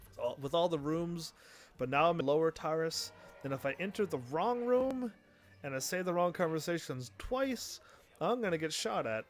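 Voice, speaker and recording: A man giving casual live gameplay commentary, rambling and thinking aloud as he plays. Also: a little high. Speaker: game streamer.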